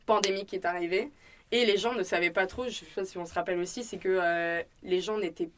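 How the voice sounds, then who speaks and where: Here the young woman, a restaurant owner and student guest with a French accent, talks fast in a lowish, steady tone. She narrates her story conversationally in a casual interview, peppering it with fillers and acting out lines of dialogue.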